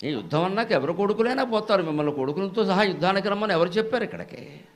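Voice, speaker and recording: An older man delivers a devotional discourse, his voice sitting a little high. He tells stories with lively, acted-out dialogue. At times he slows into long, sung verses. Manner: bursts into slow sung verse recitation; animated storytelling with acted-out dialogue. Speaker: Telugu discourse speaker.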